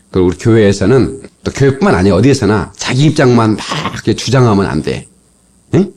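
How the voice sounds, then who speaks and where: A man preaching a sermon as pastor, telling stories with lively asides and sudden shouted exclamations, heard from an old cassette tape. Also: mid-range voice. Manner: animated storytelling with shouted exclamations.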